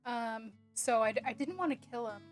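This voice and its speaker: A woman's voice: on the high side, lively intonation, normal speed, soft background music. A woman narrating a casual homemaking vlog, chatty and rambling with frequent ums and little laughs. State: hiccuping. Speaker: homemaking vlogger.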